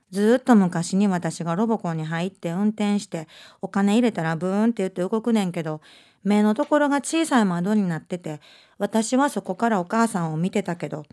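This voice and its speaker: An introspective young girl writing her diary in Osaka speech, as a woman reads her aloud. The reading is quiet and measured at an ordinary, middle pitch. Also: natural voice.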